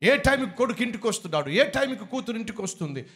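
A man's voice: high-pitched, sing-song, fast talker, fairly bright tone. A male pastor preaching a rebuking sermon with rhetorical questions, then leading a pleading prayer. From India.

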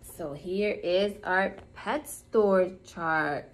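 A woman who is a preschool teacher, reading a picture book to young children in a gentle storytime voice. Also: on the low side, rough recording. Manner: gentle, slow, sing-song storytime delivery.

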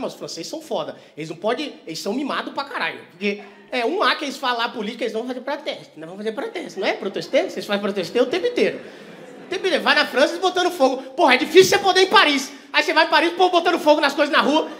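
A male stand-up comedian works the crowd, teasing and swearing, swinging from quiet asides to loud laughing bursts. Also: very high voice, animated, racing. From Vitória, Brazil. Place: comedy stage before a live audience.

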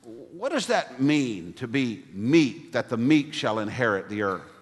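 Middle-aged preacher in a reverberant church. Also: male voice, medium pitch, big pitch swings, a little slow. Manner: earnest preaching with storytelling asides. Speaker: pastor. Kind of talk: sermon. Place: church sanctuary stage at a wooden pulpit. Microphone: pulpit microphone. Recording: long church hall reverb.

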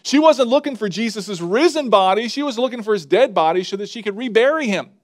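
A man's voice: sits high, expressive, a little fast. A man preaching a sermon as pastor, earnest and conversational, building emphasis as he makes his points.

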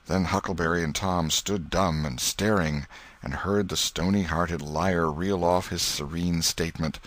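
A low-pitched man narrates an audiobook. His style is expressive and literary, with a dramatic storytelling delivery.

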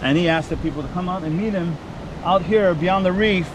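Man, slightly high voice, informal guide storytelling, animated retelling, clear wind and outdoor noise. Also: fairly quick. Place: outdoors by the sea.

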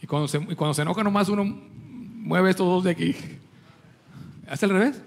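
Pastor, man with a high voice, preaching, quizzing and joking with his flock. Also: moderate pace, creaky. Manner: preaching with rhetorical questions to the congregation; jokes with the congregation. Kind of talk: sermon.

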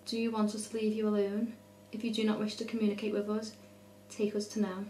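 A woman in her twenties leads a séance with solemn, spoken questions. Her intonation stays fairly flat at a middling pitch, and a faint hum runs under the recording. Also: fairly quick, echoey room, low-quality recording. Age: 20s. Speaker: leader of a spirit board session. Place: dim indoor room at night. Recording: low hum, faint noise.

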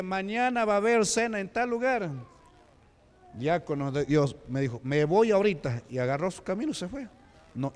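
A man with a Peruvian Spanish accent preaches a Pentecostal sermon as a deacon, his voice sitting a little high. He keeps asking the congregation questions as he goes. The sound rings with a long reverb in a church hall. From Peru. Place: church sanctuary.

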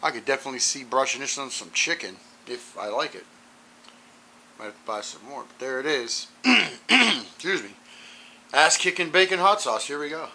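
A man with clogged sinuses casually reviewing a hot sauce on his channel, rambling with ums and clearing his throat often. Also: mid-range voice, animated, moderate pace, sharp tone, slight background noise, rough recording.

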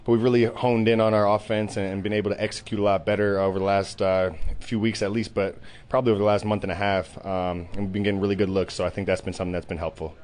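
Young male athlete, low-pitched, rapid, soft-spoken postgame interview with a faint room hum. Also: flat delivery. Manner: soft-spoken, many "um" fillers. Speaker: professional basketball player.

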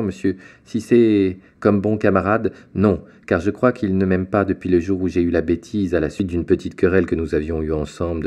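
A man voicing an earnest, respectful young sailor in an audiobook, speaking a little higher than his own narration. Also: dark tone.

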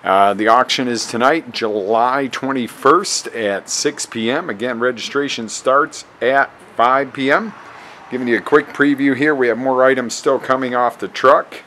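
A man hosting a promotional walkthrough of an auction showroom, making an upbeat sales pitch and repeating times and addresses, recorded on a handheld camera mic while he walks around. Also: moderate pace, bright, forceful tone, slight background noise. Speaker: auction house host.

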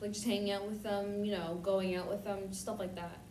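A woman's voice: mid-range voice, flat delivery, moderate pace, darkish tone, close to an everyday voice. A young woman playing a defensive sixteen-year-old daughter who talks in casual teen slang, in a student skit. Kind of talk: student skit role-play. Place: classroom with a table. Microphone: far camera. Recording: distant echoey room, some noise.

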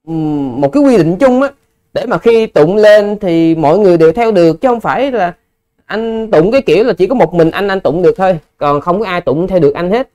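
Male monk teacher, high clear voice, patient Q&A explanations to a lay audience. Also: warm tone. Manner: patient, explanatory, addresses listeners politely. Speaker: Buddhist monk. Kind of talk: Dharma Q&A teaching.

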